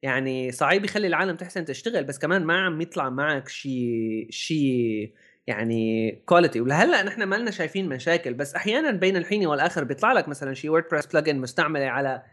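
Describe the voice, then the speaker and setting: Very fast-talking man, Levantine Arabic accent. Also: on the high side, lively intonation, a bit bright. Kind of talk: casual tech discussion.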